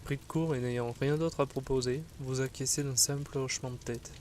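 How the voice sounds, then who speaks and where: Telling a fantasy adventure in the second person from a script, this man keeps his mid-range voice remarkably even. His delivery is slow and grave, and a soft ambient hum sits underneath it.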